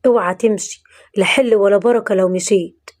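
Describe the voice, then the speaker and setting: Woman playing a fatherly old priest, gentle, Egyptian accent, middle pitch. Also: fairly even intonation, fairly quick, close to an everyday voice. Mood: tender. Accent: Egyptian Arabic. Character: kindly older male priest.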